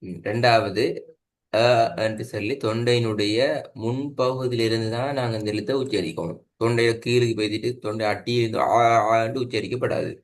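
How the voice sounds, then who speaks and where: A man's voice: lowish voice, fairly even intonation, brisk. Patient man teaching Quran recitation. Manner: patient, repeats points and checks understanding. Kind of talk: one-on-one online lesson. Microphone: video call.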